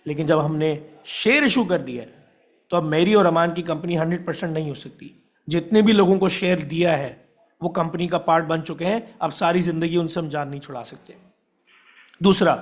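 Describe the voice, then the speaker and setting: A male business teacher, giving a classroom lecture, explaining with worked examples and checking in on whether students follow, and mixing English terms into his talk. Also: high-pitched. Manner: mixes English terms into Hindi-Urdu.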